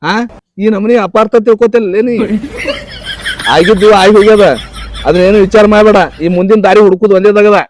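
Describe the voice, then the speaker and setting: A man's voice: high voice, steady tone, fairly quick, pauses often, darkish tone, slight background noise, close to an everyday voice. A young man playing a boyfriend in a comedy skit, pleading and insistent, with a North Karnataka Kannada accent. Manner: pleading, insistent, repeats promises.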